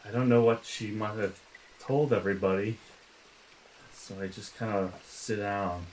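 A man's voice: on the low side, fairly even intonation, measured pace, a little mellow, a little hiss or hum, rough recording. A man playing a tabletop game, talking casually and in character.

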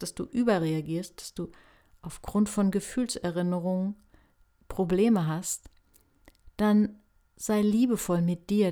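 A woman hosting a self-help podcast, talking calmly and gently to the listener in a reflective, coaching manner. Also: mid-range voice. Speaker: podcast host.

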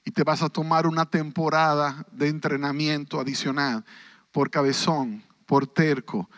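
A man's voice: a little high, fairly even intonation, fairly bright tone, no echo, pitched below the performer's own voice. A male pastor voicing God in a sermon, speaking as a stern, fatherly deity who firmly rebukes and commands. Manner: firm, rebuking, deliberate.

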